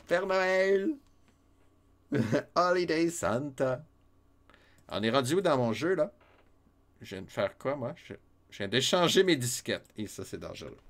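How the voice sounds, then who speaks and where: A man with a Québécois French accent giving casual, playful gameplay commentary as a streamer, teasing his viewers and chuckling often. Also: mid-range voice. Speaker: let's-play streamer.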